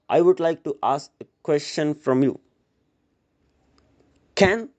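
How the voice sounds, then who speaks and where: A man giving a prepared motivational speech at a school assembly, speaking earnestly and deliberately, straight to his listeners. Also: on the high side, mellow.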